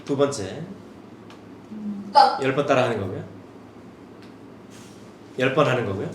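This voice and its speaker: A man in his forties, an education director giving a demonstrative seminar talk to parents, now and then switching into a brighter voice as if coaching children. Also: mid-range voice, measured pace. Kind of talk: seminar presentation. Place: seminar hall. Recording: echoey hall with faint room noise.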